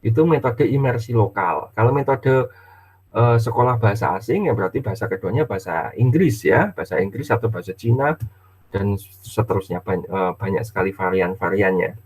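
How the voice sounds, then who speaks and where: A man's voice: on the low side, a little fast, a little mellow, husky. A middle-aged male university lecturer, giving a casual online lecture and acting out little dialogues with his child. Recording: tinny phone-like audio.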